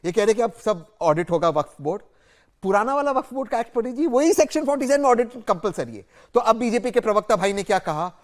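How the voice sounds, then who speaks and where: Combative high-voiced male debate guest. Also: animated, fast talker. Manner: combative, repeats points insistently. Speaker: panel guest. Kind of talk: heated TV debate.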